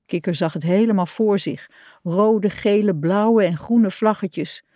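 Woman reading a kids' story, slow and lively, dry close sound. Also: medium pitch, no room sound. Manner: gentle, expressive storytelling. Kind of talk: reading a children's picture book aloud.

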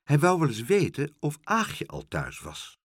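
A man narrating a children's storybook, expressive and animated, close to the mic. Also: mid-range voice, measured pace, husky, no room sound.

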